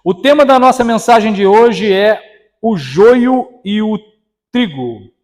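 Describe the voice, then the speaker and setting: A man's voice: high voice, expressive, takes it slowly, a little mellow. A man with a Brazilian accent preaching a sermon in church, telling a story and chatting directly with the congregation. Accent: Brazilian Portuguese.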